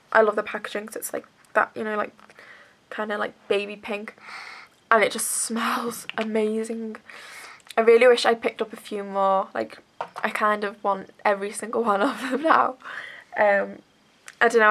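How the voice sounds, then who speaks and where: A woman's voice: on the high side, gravelly, a bit bright. A young woman chatting through a beauty haul, bunged up with a cold and rambling with lots of fillers. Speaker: beauty vlogger. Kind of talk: casual haul chat.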